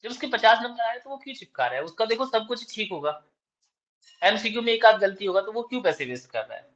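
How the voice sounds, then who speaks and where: A man's voice: high-pitched, sing-song, a bit bright, highs cut off. A man teaching chemistry, lecturing his class and dictating answers to write down. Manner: switches between rapid chat and slow word-by-word dictation.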